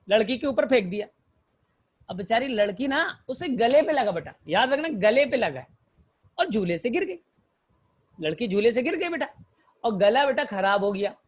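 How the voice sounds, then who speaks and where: A male teacher giving a botany lecture through mnemonic stories, who keeps calling his students "beta" and asks and answers his own questions. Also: extremely high pitch.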